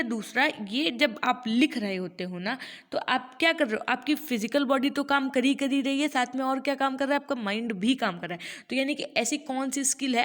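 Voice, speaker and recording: A woman teaches a teacher-training class online, explaining each point step by step. She often asks her students to answer her, and her voice sits a little high for a woman.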